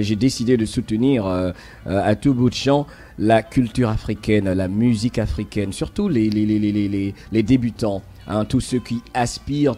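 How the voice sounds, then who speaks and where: A man's voice: mid-range voice, dark tone. A man hosting a radio talk show, speaking hesitantly with many fillers and repeated words.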